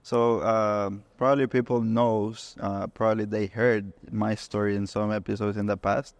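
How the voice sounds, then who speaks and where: Relaxed Honduran-born man, lowish voice. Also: normal speed, no echo. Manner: relaxed storytelling with swearing and restarts. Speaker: podcast co-host. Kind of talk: casual chat.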